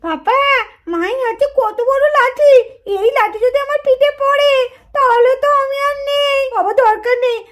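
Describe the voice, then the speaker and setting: A woman's voice: very high-pitched, moderate pace. A woman voicing a stubborn little girl in a puppet cartoon who fakes illness to skip an exam. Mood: sneaky, hushed. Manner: pleading, sulky whine.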